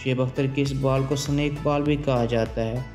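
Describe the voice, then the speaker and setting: A man's voice: mid-range voice, normal speed. Man narrating a sports countdown. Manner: steady, formal countdown delivery. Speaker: channel narrator. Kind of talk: scripted voice-over narration. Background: faint background music.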